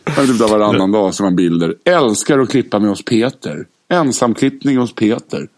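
A man's voice: on the low side, animated, darkish tone. Young man, podcast co-host, teasing and laughing, loose casual banter. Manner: joking, laughs often, swears casually. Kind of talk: casual chat.

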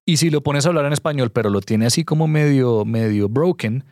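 A man's voice: mid-range voice, a little fast, darkish tone, dry recording, studio quality. A man, a guest on a podcast, talking earnestly and emphatically as he gives direct advice. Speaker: guest investor. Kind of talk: conversational podcast interview.

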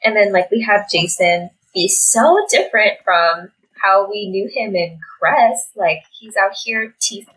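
A woman's voice: medium pitch, animated, unhurried, few pauses, a bit bright, slight background noise, rough recording. A young woman co-hosting a casual book discussion, chatty, full of "like" and "um". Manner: chatty, many fillers and likes. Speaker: podcast co-host.

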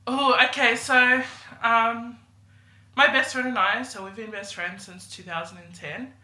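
A woman's voice: a little high, fairly even intonation, unhurried, pushed and bright. A young woman from New Zealand, a podcast guest chatting casually and giggling as she tells a story. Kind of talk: casual chat. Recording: echoey room.

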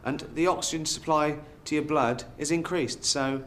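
An actor playing an awkward middle-aged office boss posing as a motivational speaker, with forced cheerfulness and fake laughter. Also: male voice, fairly high pitch, steady tone, a little hiss or hum, lightly acted. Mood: forced cheer.

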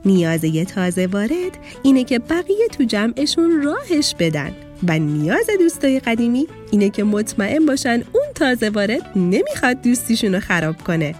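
A kind, patient female fish schoolteacher from a children's storybook, voiced by a woman. She lectures calmly and gently, with a lively rise and fall. Faint music plays underneath. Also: a little high.

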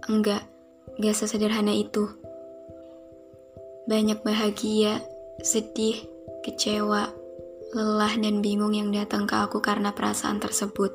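A young woman hosting a podcast, speaking a slow, soft and heartfelt reflective monologue. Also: medium pitch, monotone, creaky. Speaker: podcast host. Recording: music playing behind the voice.

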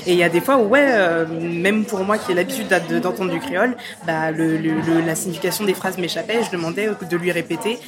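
A woman with a fairly low voice speaks as a podcast guest in a casual, chatty way, stumbling through fillers and restarts. A clear murmur of crowd chatter sits behind her voice. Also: brisk, few pauses. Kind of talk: casual interview talk.

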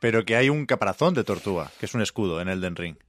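Low-voiced man asking quick questions. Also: expressive, no echo. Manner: short reactions and curious questions. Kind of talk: casual chat.

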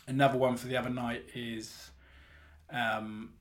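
A man hosting a hobby podcast in a casual, rambling, self-correcting way, recorded in the hallway of a flat. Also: medium pitch, unhurried. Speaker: podcast host.

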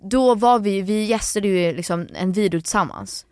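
A woman's voice: mid-range voice, a little mellow, no echo, clean studio sound. A young woman co-hosting a podcast in casual chat, blunt and teasing, dropping English phrases into her talk. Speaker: podcast co-host.

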